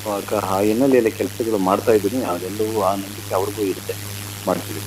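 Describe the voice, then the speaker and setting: A man's voice: fairly low pitch, fairly even intonation. Heated man on a phone line, faint hiss. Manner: measured, slow, rising to heated emphasis. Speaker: fan association state president. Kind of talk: phone-in news interview.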